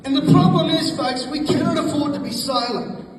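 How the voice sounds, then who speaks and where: A middle-aged Australian man giving a fiery, fast rally speech with stammering restarts. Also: extremely high pitch, slight background noise. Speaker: rally speaker. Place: large hall, heard from afar. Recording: echoey hall from far off.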